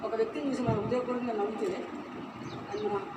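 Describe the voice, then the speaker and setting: A man's voice: high-pitched, little pitch movement, fast. A pastor preaches to his congregation, pressing them with rhetorical questions and repeated phrases. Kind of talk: Telugu church sermon. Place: church hall with congregation. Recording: roomy, distant, noisy church recording.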